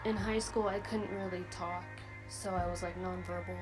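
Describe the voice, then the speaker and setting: A woman in her early twenties answering interview questions in a gentle, soft-spoken way. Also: lowish voice, steady tone, moderate pace, over loud music. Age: 20s. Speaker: interview participant.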